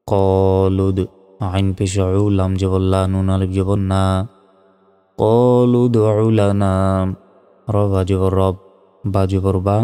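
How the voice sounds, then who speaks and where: Deep slow-spoken male Quran teacher. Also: mellow, clean tone, in a large hall. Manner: slow, syllable-by-syllable spelling with drawn-out recitation. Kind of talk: spelling out and reciting Arabic verses.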